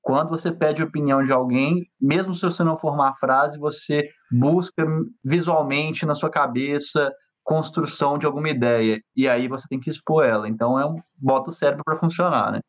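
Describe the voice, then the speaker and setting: A man's voice: on the high side, fairly even intonation, a little fast. A man giving his opinion on a podcast, speaking in a thoughtful, hesitant way. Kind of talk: casual podcast chat.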